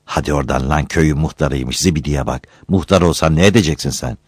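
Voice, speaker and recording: A man voicing a poor, quick-tempered young villager who answers back scornfully. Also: very deep voice, slightly rough, no room sound, clean studio sound. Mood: defiant. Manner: brash, scornful.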